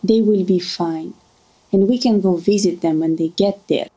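A woman playing a warm, motherly older woman. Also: lowish voice, moderate pace, slightly rough, muffled recording. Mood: affectionate. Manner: gentle, affectionate, calls others darling. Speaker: family friend. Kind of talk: drama acting.

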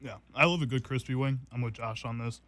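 A man's voice: mid-range voice, fast talker, a bit bright. A young man hosting a casual food taste test, rambling loosely with fillers and laughing often. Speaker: host.

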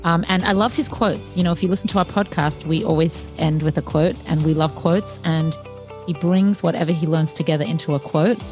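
A woman's voice: deep voice, fairly even intonation, a little fast, darkish tone, soft background music. A woman co-hosting a podcast, speaking enthusiastically and conversationally. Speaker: podcast co-host. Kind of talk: casual podcast talk.

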